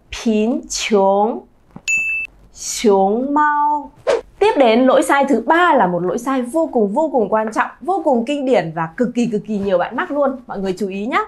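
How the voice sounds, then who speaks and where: A woman in her thirties teaching pronunciation to her viewers, lively and drawing out sounds to model them. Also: a little high, noisy background. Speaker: Chinese teacher, channel founder. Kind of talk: pronunciation lesson to camera.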